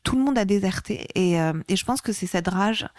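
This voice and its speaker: A woman's voice: mid-range voice, fairly quick, a little mellow, no echo, clean studio sound. A woman guest on an interview podcast, speaking passionately and with growing emphasis. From France. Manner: passionate, grows heated and emphatic. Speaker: activist guest. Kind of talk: interview conversation.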